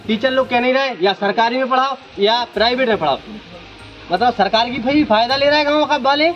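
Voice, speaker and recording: A man from rural Madhya Pradesh, a village resident earnestly and indignantly airing complaints in an on-the-spot outdoor interview. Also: extremely high pitch. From Datia district, Madhya Pradesh, India. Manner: earnest, indignant, talks in short bursts. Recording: dull lo-fi sound with music behind.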